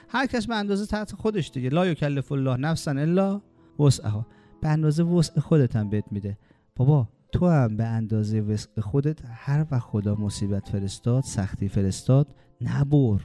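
Dark-voiced man preaching a sermon. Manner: exhorting, quotes Quranic Arabic in a slow chant; acts out complaining voices in quick high bursts. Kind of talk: religious sermon.

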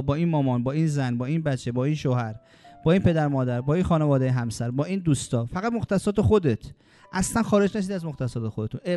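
Preacher, male, deep mellow tone, exhorting, slow chanted verses, faint music bed. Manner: exhorting, quotes Quranic Arabic in a slow chant; acts out complaining voices in quick high bursts. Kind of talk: religious sermon.

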